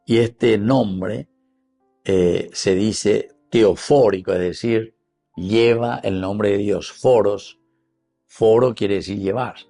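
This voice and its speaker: A man with a Paraguayan Spanish accent giving a teaching Bible reflection, explaining slowly, repeating key words and addressing his listeners as dear friends. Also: lowish voice, fairly even intonation, dark tone, faint music behind. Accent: Paraguayan Spanish, mixing in Guarani.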